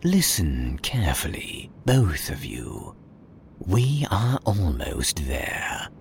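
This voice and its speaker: Scheming villain boss voiced by a man, low voice, wildly swinging pitch, slow delivery, faint background noise. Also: big pitch swings, full character voice. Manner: hushed conspiratorial whisper, then exasperated shouts. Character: scheming male villain leader, theatrical and sneaky. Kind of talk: comedic audio drama.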